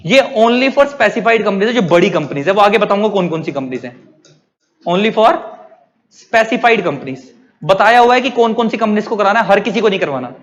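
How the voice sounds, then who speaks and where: A man's voice: high voice, lively intonation, moderate pace, big-room sound. A man teaching a class. He asks his students questions and then answers them himself. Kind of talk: classroom lecture.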